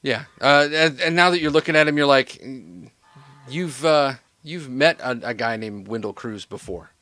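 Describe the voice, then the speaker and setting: A man runs a tabletop game as its game master, talking in a loose, casual way full of fillers and the odd curse. His voice sits at an ordinary middle pitch for a man. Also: normal speed, sharp tone, no room sound.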